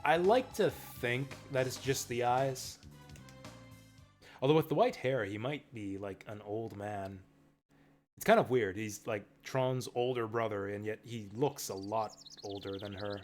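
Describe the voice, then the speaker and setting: A man's voice: on the low side, measured pace. Man chatting over game music. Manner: enthusiastic, rambling fan commentary. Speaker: game streamer. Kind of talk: casual live game commentary. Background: video game music and dialogue.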